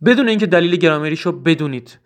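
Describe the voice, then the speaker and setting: A man teaching German in Persian who says German phrases slowly and then explains them. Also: fairly high pitch, animated. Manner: earnest, urges memorizing phrases. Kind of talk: spoken language lesson.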